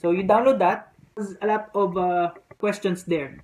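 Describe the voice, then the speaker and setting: Practical test tips are shared casually on camera by a vlogger from the Philippines, a native Filipino speaker with a Filipino accent. The voice is mid-range and darkish, with fairly even intonation at normal speed, and background noise is clearly present.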